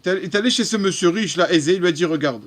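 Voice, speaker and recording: A man, a rabbi, telling a religious story to his congregation in a halting way, often repeating and restarting words and mixing in Hebrew terms. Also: high-pitched, a bit bright. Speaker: rabbi giving a daily talk.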